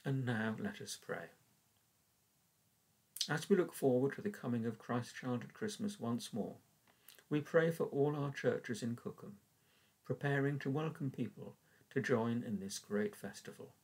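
Older English church warden, husky, measured devotional reading, webcam in small room. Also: male voice, mid-range voice, a little mellow, low-quality recording. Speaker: church warden leading prayers. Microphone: webcam at desk.

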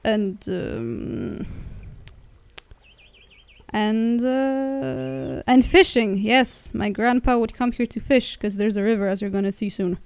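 A woman's voice: medium pitch, expressive, slow pace, a little mellow, clean tone, dry recording. A young woman from Poland chatting casually as a travel vlogger while riding in a car through the woods, rambling and correcting herself as she goes. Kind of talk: casual vlog narration.

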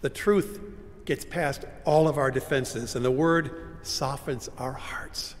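An older man preaching a sermon from a pulpit, dramatic, moving from loud cries to hushed whispers. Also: mid-range voice, fairly even intonation, takes it slowly. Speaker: pastor. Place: large church sanctuary, standing at a pulpit. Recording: long church reverb, faint room hum.

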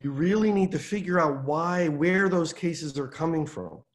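A man in his sixties hosts a town hall from his home over a video call, explaining policy in animated, quick bursts. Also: on the high side. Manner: animated, gestures with his hands, fast bursts. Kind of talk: explanatory advocacy talk. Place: home room by a window. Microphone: video call webcam.

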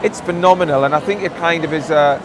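A hairdresser speaking enthusiastically in a vox pop interview at a trade show. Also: male voice, on the high side, fast, background noise.

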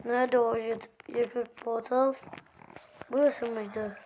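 A woman with a hoarse voice giving casual game commentary, chatting to her viewers and to the game's characters as she plays. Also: fairly high pitch, steady tone, takes it slowly, lo-fi sound, a little hiss or hum. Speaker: gameplay video host.

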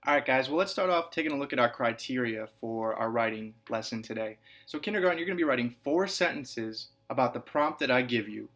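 Man teaching a lively video writing lesson. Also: mid-range voice. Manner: repeats each point, lively sing-song emphasis on example sentences; calls the children "scholars". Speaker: kindergarten and first grade teacher. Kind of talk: recorded video lesson for young children.

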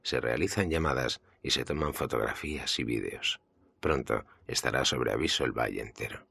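A man from Spain, with a Spanish accent, reading an audiobook in a steady, measured way. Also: rumbling low, gravelly, husky, no echo, clean studio sound. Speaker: audiobook narrator. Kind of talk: audiobook narration.

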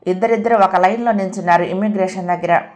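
Woman narrating an audio novel calmly. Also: medium pitch, fast talker.

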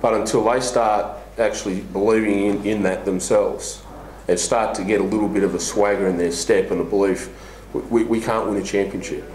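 A middle-aged man speaks bluntly as a coach at a press table, restarting his sentences often. His voice is low, and the small room gives it a clear echo. A faint hiss sits under the recording. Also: steady tone, fairly quick, a little mellow. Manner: frank, blunt, lots of restarts and fillers. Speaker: basketball head coach. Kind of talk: post-match press conference. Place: small press room before a sponsor backdrop. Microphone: table mic on a stand.

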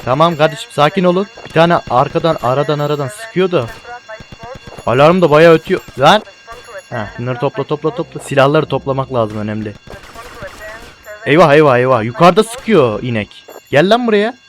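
A man giving casual, excitable gameplay commentary as a let's play gamer, swearing and talking to his viewers as friends. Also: on the high side, a little fast, soft background music.

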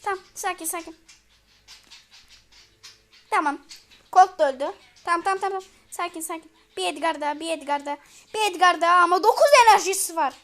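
A woman with a high, bright voice gives excited live commentary over her gameplay. She chants single words again and again at the action and turns now and then to address the viewers as friends. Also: brisk, pauses often. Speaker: gamer and channel host.

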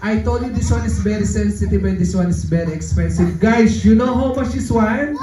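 A man's voice: high voice, brisk, far from the mic. A middle-aged man working as a kids' party magician, playfully hyping up children in simple, repeated phrases over a handheld mic. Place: indoor party room with seated children. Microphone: handheld mic through PA, filmed from audience. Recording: echoey PA in party room, music, children's crowd noise.

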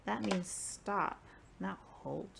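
Woman vlogger, lively pitch, teasing and exasperated, faint room noise. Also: moderate pace, gravelly. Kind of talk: casual chat while playing a word game.

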